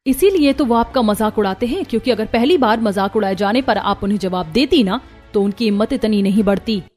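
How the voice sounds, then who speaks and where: A woman's voice: mid-range voice, animated, a little fast, a little mellow, faint music behind, close to an everyday voice. A woman voicing a heavy, outspoken young daughter-in-law in a cartoon story, fiery and defiant. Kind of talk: cartoon voice acting.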